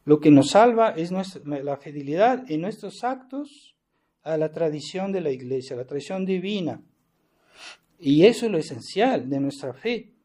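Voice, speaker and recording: This sermon comes from a Mexican priest whose slightly high, mellow voice carries lively intonation at a normal speed. Earnest and insistent, he keeps restarting and dropping in rhetorical "¿verdad?" tags.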